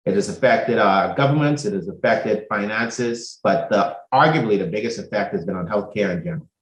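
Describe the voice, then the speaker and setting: In this clip, a doctor from the Bahamas delivers a prepared explanation, his voice low and even as he lists each point methodically. The audio has a clear room echo.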